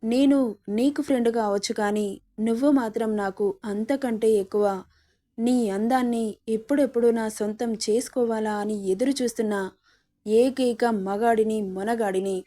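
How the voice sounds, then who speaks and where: A woman narrator voices a young male kidnapper in a spoken story, possessive and smug. The voice stays mellow and a touch high, with a sneering, coaxing manner. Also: fairly even intonation, moderate pace, lightly acted.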